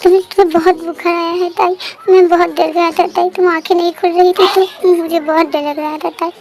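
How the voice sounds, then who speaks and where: Frantic pleading young man, read by a woman, very high voice, storybook reading. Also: little pitch movement, a little fast, a little mellow, slight background noise. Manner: pleading, repeats the name over and over. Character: frantic young man nursing his feverish partner.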